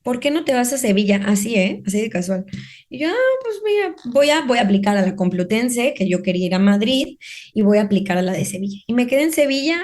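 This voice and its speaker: A Mexican-accented woman tells her story as a podcast guest in a chatty, conversational way. She slips into quick quoted asides of what she once said, with her voice sitting at an ordinary middle pitch. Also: animated, a little mellow. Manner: chatty, acts out her own past remarks in quoted asides.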